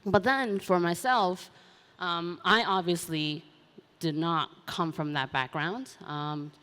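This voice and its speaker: A woman's voice: fairly low pitch, takes it slowly, bright, forceful tone, smooth. A young adult woman from Hong Kong speaking on a conference panel, talking casually with many fillers like um and you know. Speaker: panel speaker, racing driver. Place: large conference hall. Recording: long hall reverb.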